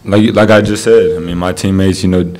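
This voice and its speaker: Young male athlete, deep monotone, casual presser answers, table mic. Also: fairly quick. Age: young adult. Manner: low-key, many fillers. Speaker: college basketball player. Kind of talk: postgame press conference answers. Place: press room, seated at a table.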